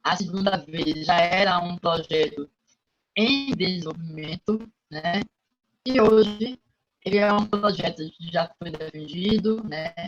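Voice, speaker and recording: A man's voice: sits high, unhurried, dull audio, music in the background. A man presenting his dissertation over a video call, his voice breaking up as the internet connection cuts out, in a formal, hesitant way with many fillers. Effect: choppy internet audio cutting out. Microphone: computer microphone on a video call.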